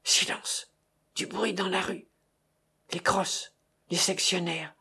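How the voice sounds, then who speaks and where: A woman voicing a pompous old man, a revolutionary judge who blusters loudly, then drops to anxious whispers. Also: very high-pitched, lively intonation, measured pace. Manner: bombastic, swinging between bluster and whispers.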